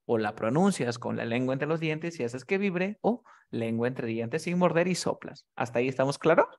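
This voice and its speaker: A man's voice: mid-range voice, animated, normal speed. A man tutors a single student in pronunciation. He speaks in an ordinary mid-range voice, patiently modeling sounds and coaxing repeats. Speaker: English teacher. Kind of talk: one-on-one pronunciation lesson.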